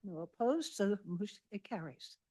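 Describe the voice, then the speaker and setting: A woman's voice: mid-range voice, animated, moderate pace, dark tone, slightly rough. A woman chairing a town committee meeting, running votes and agenda items in an informal, chatty way.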